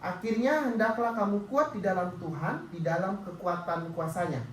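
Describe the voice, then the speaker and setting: A woman's voice: mid-range voice, normal speed. A woman with an Indonesian accent preaching emphatically in short phrases for interpretation, heard from a distance in a cathedral-like echo. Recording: echoing cathedral-like hall, distant mic, faint noise.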